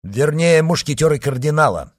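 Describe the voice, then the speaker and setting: A man voicing an ambitious, scheming churchman who speaks emphatically and loud. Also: fairly high pitch, animated, moderate pace, voice pushed up. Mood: emphatic.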